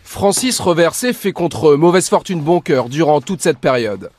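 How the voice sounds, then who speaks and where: A man narrating a television news report in a measured, formal delivery. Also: fairly high pitch, lively intonation, darkish tone. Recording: TV report clip with music bed.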